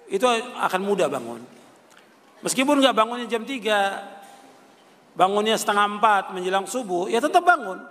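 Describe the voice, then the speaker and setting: High-pitched preacher man in a hall. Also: fairly bright tone. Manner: rhetorical questions answered himself, repeats key phrases. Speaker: Islamic preacher. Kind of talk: religious lecture answering questions. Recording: reverberant hall.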